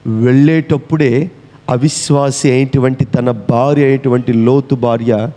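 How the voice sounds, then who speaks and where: A man's voice: mid-range voice, steady tone, a little slow, mellow. A pastor preaching a sermon, firing questions at his congregation and scolding them in a mocking way. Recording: echoey hall reverb.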